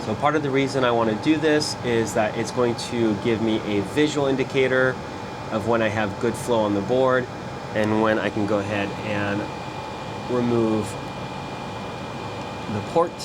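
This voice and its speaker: The speaker, an electronics repair technician presenter, has a medium-pitched voice and a moderate pace, narrating his actions casually as the repair progresses. A steady, fan-like sound persists throughout.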